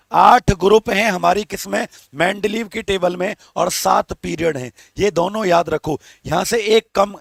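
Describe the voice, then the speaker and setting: A man's voice: high-pitched, creaky, a bit bright, no room sound, clean studio sound. A male teacher, giving a live exam-prep lesson, coaxing students for answers and talking through a strained throat. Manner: coaxing, calls students beta and babu, asks for comments.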